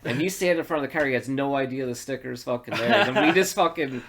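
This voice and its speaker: A man's voice: medium pitch, quick pace, a bit bright. A man, co-hosting a podcast and telling a rambling, profane story in casual chat. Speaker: podcast co-host.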